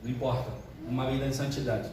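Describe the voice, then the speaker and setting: An older man, a pastor, opening his sermon with jokes in a chatty, animated way. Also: mid-range voice, fast talker. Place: church sanctuary. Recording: echoey church hall, distant mic, room noise.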